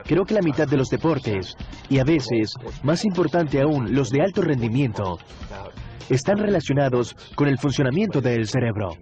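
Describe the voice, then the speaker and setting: A man's voice: medium pitch, sing-song, normal speed, highs cut off, lightly acted. A man voicing a male expert explaining in a dubbed documentary interview, with music behind. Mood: explanatory.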